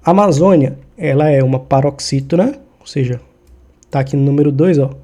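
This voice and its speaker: A man's voice: mid-range voice, a little fast, mellow. A man teaching a Portuguese grammar lesson for exam preparation, explaining accent rules in a casual style and checking in with the listener after each point. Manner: informal, checks in often with the listener.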